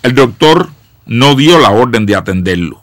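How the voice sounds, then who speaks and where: A man hosting a radio program, reading reflective stories in a slow, measured way with dramatic pauses and falling line endings. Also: medium pitch, lively intonation, dry recording, studio quality. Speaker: radio host.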